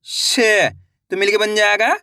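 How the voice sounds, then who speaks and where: Slow, drawn-out man sounding out syllables. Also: sits high, vocal fry, bright, forceful tone, no echo, clean studio sound. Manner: slow drawn-out sounding out of syllables, then brisk coaxing to the class. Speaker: Hindi reading teacher. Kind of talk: syllable-by-syllable reading lesson.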